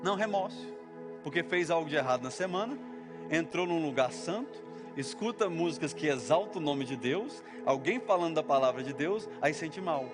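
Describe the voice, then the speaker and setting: A male pastor with a Brazilian Portuguese accent delivers a sermon in a chatty, storytelling way, acting out short exchanges. His voice sits a touch higher than most men's. Soft worship music plays beneath him in the church. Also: lively intonation, normal speed. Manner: conversational preaching, acting out little dialogues. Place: church service.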